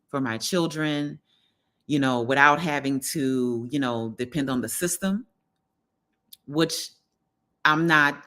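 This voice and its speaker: An extremely low-pitched, bright and forceful voice belongs to a middle-aged wellness livestream host from New Orleans. She talks casually to her viewers, speaking to them directly and often checking that they're with her.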